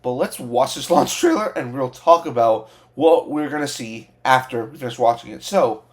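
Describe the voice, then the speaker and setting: A man hosting a reaction video as an excited fan, babbling with overexcitement, gushing and repeating himself. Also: mid-range voice, moderate pace.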